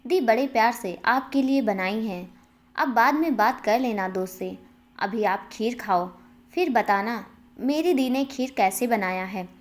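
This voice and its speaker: A woman voicing a cheeky, hot-tempered younger sister in a read-aloud storybook, with a teasing, sharp-tongued manner. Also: fairly high pitch, measured pace, natural voice. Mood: playful. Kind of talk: storybook character reading.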